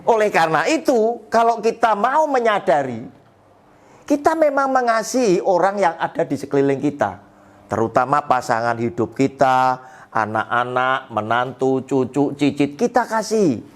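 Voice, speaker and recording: A man's voice: on the high side, expressive, moderate pace. An older man preaching to an elderly Bible study group in a folksy way, chuckling often.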